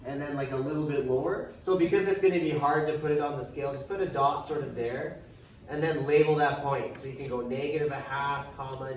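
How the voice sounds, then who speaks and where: A man's voice: medium pitch, recorded from a distance. Casual male math teacher in an echoey room. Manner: casual, thinks aloud while writing, dry sarcasm. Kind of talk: classroom lecture. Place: classroom. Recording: echoey classroom from afar, hiss.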